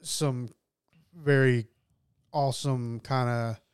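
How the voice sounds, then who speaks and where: A man co-hosting a podcast, talking about movies in a relaxed way and laughing often. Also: mid-range voice, slow, clear, resonant tone, dry recording, clean studio sound. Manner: laid-back, laughs often, many fillers. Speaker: podcast co-host. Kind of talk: casual film chat.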